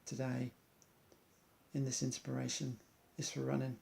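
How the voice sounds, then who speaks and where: A man's voice: mid-range voice, completely flat delivery, unhurried, creaky, darkish tone. A man, an amateur athlete, earnestly reciting an inspirational monologue in loose rhymes.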